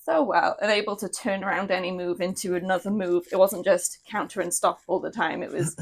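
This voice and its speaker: Gravelly Welsh woman recapping wrestling. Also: lowish voice, fairly even intonation, fairly quick. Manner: chatty, recaps matches with frequent ums and laughs. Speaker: co-host. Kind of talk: casual wrestling reaction chat.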